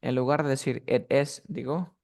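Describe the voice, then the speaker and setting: A man's voice: medium pitch, steady tone, normal speed, vocal fry, a little mellow. Patient male teacher drilling words. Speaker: English teacher. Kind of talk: online class instruction.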